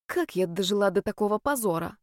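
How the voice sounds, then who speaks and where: A woman narrating an audiobook in an even, measured way. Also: mid-range voice, no room sound, studio quality.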